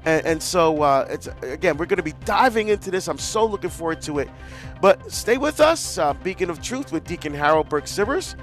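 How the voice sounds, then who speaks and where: A man's voice: fairly high pitch, animated, brisk, faint music behind. Earnest Barbados-born man hosting radio. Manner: earnest, warm storytelling with frequent restarts. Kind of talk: live call-in radio talk.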